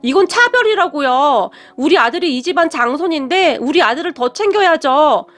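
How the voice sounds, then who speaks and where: A woman's voice: lively intonation, normal speed, fairly bright tone. A woman voicing an indignant, self-serving elder sister-in-law who answers back shrilly. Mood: defiant. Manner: shrill, defiant.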